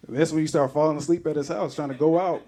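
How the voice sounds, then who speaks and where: A man's voice: on the high side, dark tone. A man doing a loose, rambling stand-up comedy set on a club stage, acting out other people's voices. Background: audience laughter.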